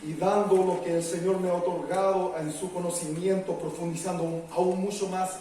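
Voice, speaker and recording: A man preaching as pastor, reading the Bible and praying with dramatic rises in loudness. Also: sits high, flat delivery, normal speed. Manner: dramatic, rising and loud when reading the story. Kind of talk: sermon with Bible reading and prayer. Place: church hall. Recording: echoey hall, voice from far off, music behind.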